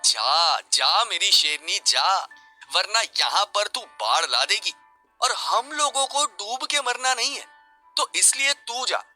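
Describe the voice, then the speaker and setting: Guy doing a young cousin goofing around, high bright voice. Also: lively intonation, slow pace, faint music behind, exaggerated voice. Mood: playful. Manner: playful, teasing. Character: joking young male cousin.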